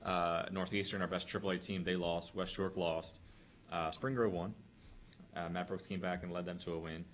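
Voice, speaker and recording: A man hosting a local high school sports radio show, running the segments in a brisk, casual way. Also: fairly even intonation, a bit bright, slight background noise. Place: radio studio.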